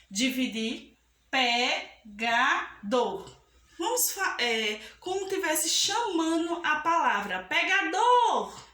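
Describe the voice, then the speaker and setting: Lady teacher going real slow, kinda high voice, echoey classroom. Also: a bit bright. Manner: slow, patient, stretches out example words; affectionate, checks in often with the class. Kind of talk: school lesson. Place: classroom with a board.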